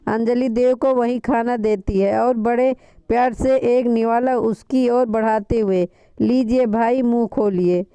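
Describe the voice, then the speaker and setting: A woman narrating a scripted romance story in a measured, even way, close to the microphone. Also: fairly high pitch, clean tone, no echo.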